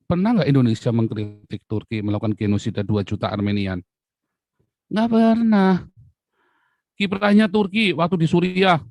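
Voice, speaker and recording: A man giving an angry political rant as a channel commentator, swinging between loud outbursts and low muttering. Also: no room sound.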